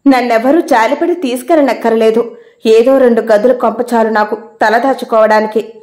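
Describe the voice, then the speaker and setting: A woman's voice: a little high, moderate pace, darkish tone, close to an everyday voice. A woman voicing an older widowed mother who speaks with weary reproach in a storybook reading. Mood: hurt, bitter.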